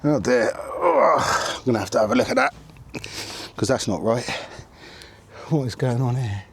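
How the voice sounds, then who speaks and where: His voice mid-range, gravelly and breathy at the edges, a middle-aged UK travel vlogger talks to himself in an animated way at a moderate pace. He grumbles and mutters through repairs inside his motorhome. The noisy, clicky audio comes from a camera mic set down close by.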